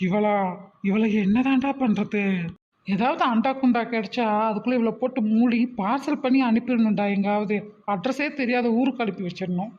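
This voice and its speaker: A woman's voice: a little high, normal speed, lightly acted. A woman voicing a grown-up woman in a cartoon family who scolds and teases a small girl in mock exasperation. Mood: exasperated. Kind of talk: cartoon voice acting. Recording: muffled lo-fi.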